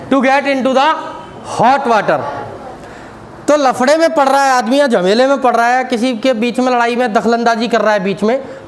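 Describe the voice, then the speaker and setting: A man leads a spoken English class, reading each idiom slowly and explaining it with joking stories. His voice sits fairly high for a man. The classroom recording carries a clear layer of background noise. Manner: jokey, tells funny classroom anecdotes, slows down to read phrases. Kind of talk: classroom lesson. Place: classroom with students.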